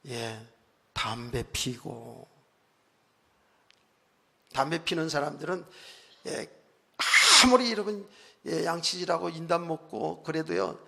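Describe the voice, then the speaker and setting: A male pastor preaching a conversational sermon, telling stories with frequent asides, moving from quiet remarks to loud emphatic bursts. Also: on the high side, vocal fry. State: recently worn out and hoarse. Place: church sanctuary. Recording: long church hall reverb.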